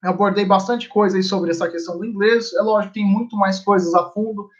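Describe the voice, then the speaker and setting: Brief: Brazilian-accented male live-stream host, high voice, loose and chatty, muffled lo-fi audio. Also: steady tone, fast. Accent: Brazilian Portuguese. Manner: rambling, informal, swears casually. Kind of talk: casual live-stream talk.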